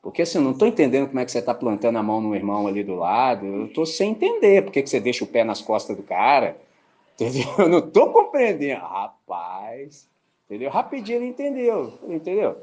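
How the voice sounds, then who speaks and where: A man's voice: mid-range voice, fast. A man preaching a sermon as a pastor, with a Brazilian Portuguese accent, talking colloquially, often asking "entendeu?" and mimicking voices as he tells stories. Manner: animated storytelling with mimicked voices.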